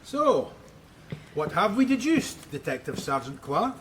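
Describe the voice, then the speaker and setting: A blunt Scottish police inspector in a radio crime drama. His voice is fairly high for a man and swings widely as he delivers dry, sardonic remarks. There is faint ambience behind him. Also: big pitch swings, a little slow, noisy background. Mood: dry, wry.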